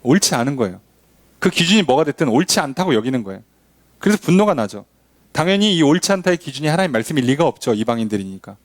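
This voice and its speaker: A male pastor delivers a sermon in a church, pitched fairly high and moving through a wide melodic range. He keeps turning statements into rhetorical questions for his listeners. The sound is close and dry, with almost no room echo. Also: quick pace. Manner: animated preaching with frequent rhetorical questions to the congregation.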